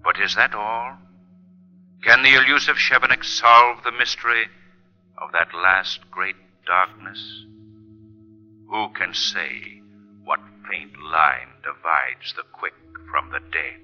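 The Shadow, a sinister deep-voiced avenger. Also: male voice, pushed and bright, exaggerated voice. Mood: ominous. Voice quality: deep, slow, menacing. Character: sinister invisible male avenger, mocking. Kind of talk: 1940s radio acting. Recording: dull old radio broadcast with music.

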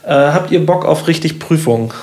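Guy hosting a chat, kinda high voice, playful quiz vibe, lots of ähms. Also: normal speed, darkish tone. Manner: chatty, playful quizmaster with many fillers. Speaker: podcast host. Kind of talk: casual interview chat.

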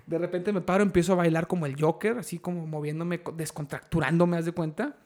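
Young mexican dude on a podcast, pretty high voice, animated and slangy, cracks himself up. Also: male voice, fast. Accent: Mexican Spanish. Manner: animated, slangy, laughs at his own stories. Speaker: podcast host. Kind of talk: casual storytelling chat.

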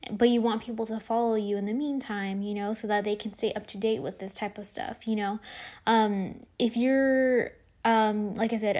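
A young woman with a slightly high voice talks through her solo podcast in a loose, chatty way. She fills her sentences with ums and restarts, and her voice is a little worn, as if she is losing it. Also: a little mellow. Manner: chatty, lots of fillers and restarts. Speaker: podcast host. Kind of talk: casual solo podcast talk.

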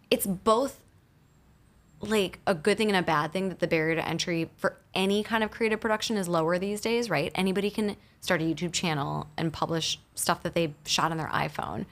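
Woman guest chatting on a studio mic, lowish voice, says like a ton, bouncy delivery. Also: normal speed. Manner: chatty, fillers of "like", lively pitch swings. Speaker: guest, entrepreneur and podcaster. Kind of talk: casual interview chat. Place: recording studio. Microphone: studio microphone.

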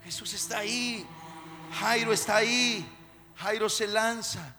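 A male pastor preaching an impassioned sermon, shifting from shouts to hushed tones. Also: high-pitched, unhurried. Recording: echoey hall with soft music.

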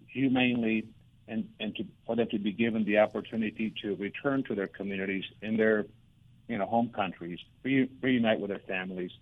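A man giving conversational interview answers as a guest, halting and often restarting his words. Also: lowish voice. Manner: halting, hesitant, many repeated starts. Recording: narrow phone-like radio line.

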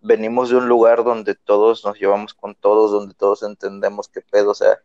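A man's voice: lowish voice, completely flat delivery, moderate pace, darkish tone, dry recording, lo-fi sound. A man from Veracruz with a Veracruz Mexican accent, chatting casually and peppering everything with slang. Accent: Veracruz Mexican Spanish. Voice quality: slangy, says güey constantly. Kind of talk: casual chat.

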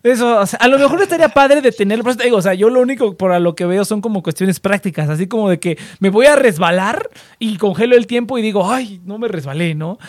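A young man with a Mexican Spanish accent, co-hosting a casual podcast, animated and slangy, acting out little quoted voices. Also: high-pitched, fast talker, no echo, studio quality. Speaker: podcast co-host. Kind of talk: casual chat.

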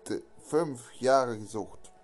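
A man voicing a vengeful scarred male villain in a homemade audio story, threatening slowly. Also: mid-range voice, darkish tone, soft background music, close to an everyday voice. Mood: menacing.

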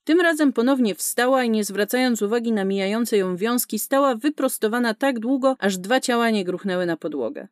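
A woman narrating an action-packed science fiction story in a brisk, vivid storytelling manner. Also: on the high side, expressive, no room sound, clean studio sound. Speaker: audiobook narrator. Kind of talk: scripted narration.

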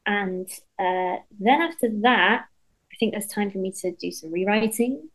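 Chatty, animated woman songwriter. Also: medium pitch, unhurried, low-quality recording. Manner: animated, chatty, many fillers and restarts, swears casually. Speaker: interviewee, songwriter. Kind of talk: casual interview conversation.

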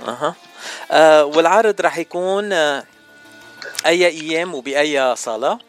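A man's voice: fairly high pitch, normal speed, soft background music. A man hosting a casual radio interview, easygoing and teasing. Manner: easygoing, teasing, laughs often. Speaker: radio host.

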